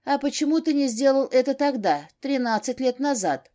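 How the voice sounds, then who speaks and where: A woman reading an audiobook, voicing a defensive, quick-tempered grown daughter. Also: high-pitched, animated, mellow, voice pushed up. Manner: flaring, defensive.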